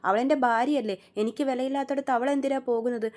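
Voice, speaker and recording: A woman's voice: high voice, fairly even intonation, fast, a little mellow, voice pushed up, lightly acted. A woman voicing an angry young husband who drives a taxi, asking bitter rhetorical questions.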